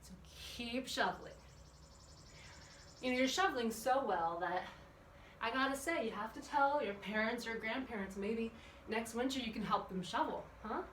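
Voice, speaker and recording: Leading children through a workout, this exercise and yoga teacher chats encouragingly and quizzes the kids as she instructs. She speaks on the high side at a normal speed with a fairly bright tone, picked up by a distant mic in an echoey room with background noise.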